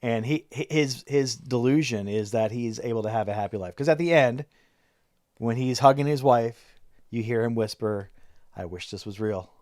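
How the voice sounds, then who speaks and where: A man's voice: medium pitch, moderate pace, a little mellow, no room sound, clean studio sound. A man co-hosting a podcast, chatting casually about a movie and laying out his theories, often restarting sentences. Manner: analytical, lays out his theories with frequent restarts. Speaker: podcast co-host.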